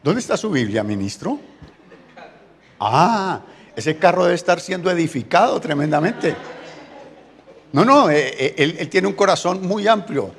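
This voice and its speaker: A Colombian Spanish-accented man preaching in a church, his voice rising and falling with lively swings as he acts out the characters. He sits a little high for a man, and a long reverb trails each phrase through the hall. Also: measured pace, long pauses. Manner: animated storytelling, acting out quoted voices. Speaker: pastor. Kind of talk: sermon.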